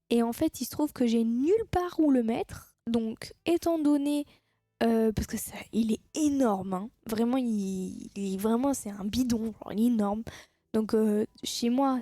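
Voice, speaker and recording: High-voiced teasing woman streamer. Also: warm tone, dry recording, studio quality. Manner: teasing, chatty, laughs at her own jokes. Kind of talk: casual live-stream chat with viewers.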